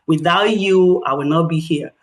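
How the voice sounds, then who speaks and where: Speaking at a community meeting, this professor presents her research through animated storytelling peppered with fillers. She's a middle-aged woman with a Nigerian accent, her voice on the low side and her pace moderate.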